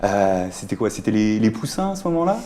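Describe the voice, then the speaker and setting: Dark-voiced male radio host. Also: lowish voice, big pitch swings, brisk, slight background noise. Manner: prompting, often finishes guests' sentences. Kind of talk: radio interview.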